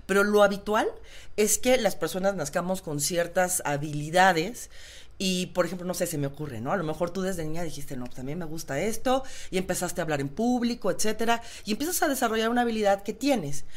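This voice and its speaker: A woman's voice: on the low side, lively intonation, a little fast. Woman specialist explaining voice care. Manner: didactic, uses everyday examples. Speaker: phoniatrics specialist. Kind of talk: expert explaining in a talk show interview.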